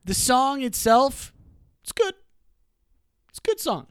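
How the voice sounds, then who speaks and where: A man's voice: very high-pitched, sing-song, slow pace, clean tone, no room sound, clean studio sound. A young man co-hosting a casual podcast, laughing often and rambling through his points. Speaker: podcast co-host. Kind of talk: casual banter.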